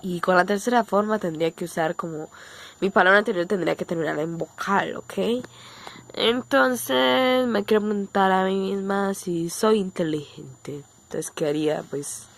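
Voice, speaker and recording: A woman's voice: fairly low pitch, moderate pace. A woman from Colombia with a Colombian Spanish accent, teaching a casual online language lesson and explaining step by step, often checking in with her viewers.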